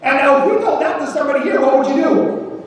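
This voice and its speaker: A man, a pastor from the United States, giving a lively storytelling talk to an audience, repeating words and quizzing his listeners. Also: very high voice, quick pace. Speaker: pastor giving a ministry presentation. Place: large echoey hall. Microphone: distant from the microphone. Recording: echoey hall from far off.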